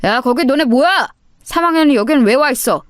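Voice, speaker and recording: A woman's voice: high voice, lively intonation, brisk, dry recording, studio quality, voice pushed up. A woman voicing a stern male homeroom teacher who barks angry scolding, in an audio story. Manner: barking, scolding.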